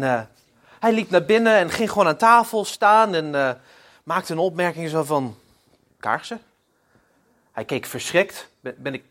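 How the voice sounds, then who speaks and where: A man preaching a sermon, opening with prayer and telling stories in a halting way, often repeating words. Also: fairly high pitch, fairly bright tone. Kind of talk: sermon with storytelling.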